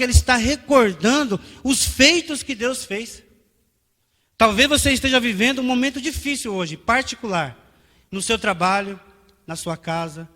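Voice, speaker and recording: A Brazilian pastor delivers a sermon in a notably high voice. His words ring with a long hall reverb. He builds to fervent, insistent emphasis. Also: fairly bright tone. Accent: Brazilian Portuguese. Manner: preaching, rising to fervent emphasis. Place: church hall.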